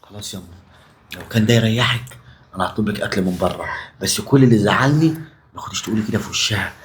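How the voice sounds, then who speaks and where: A man's voice: lowish voice, rapid-fire, slight background noise, natural voice. A man playing a devoted husband and son with an Egyptian accent, earnest and emphatic as he pleads and reasons. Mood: pleading. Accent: Egyptian Arabic.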